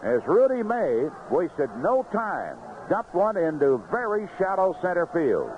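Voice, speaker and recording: Through the crackle of a muffled old AM radio signal, an American announcer in the ballpark booth calls the game play-by-play. His voice sits high and swings broadly in pitch, and he talks a little slowly.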